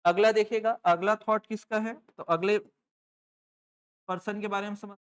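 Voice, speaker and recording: A woman teaching a live online class. She keeps asking the class questions and then answers them herself, and she dictates notes slowly, word by word. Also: medium pitch, steady tone, clear, resonant tone.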